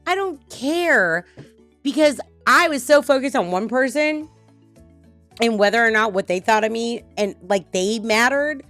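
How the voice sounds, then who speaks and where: A woman's voice: a little high, normal speed, faint music behind. A middle-aged woman hosting a casual podcast, talking bluntly and swearing freely as she tells personal stories. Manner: blunt, swearing, animated storytelling. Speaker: podcast host.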